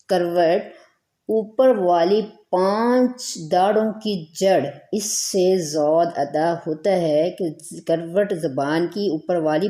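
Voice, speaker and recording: A woman teaching Quran recitation, explaining pronunciation slowly and repeating each point, and drawing out letter sounds as models. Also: fairly low pitch, mellow.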